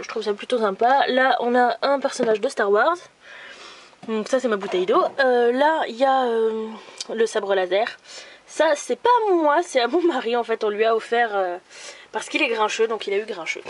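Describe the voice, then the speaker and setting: A woman's voice: fairly high pitch, slight background noise. A young woman from France casually showing her room, chatty and self-mocking with lots of fillers. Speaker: vlogger giving a room tour. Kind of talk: casual room tour narration. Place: bedroom at home, indoors.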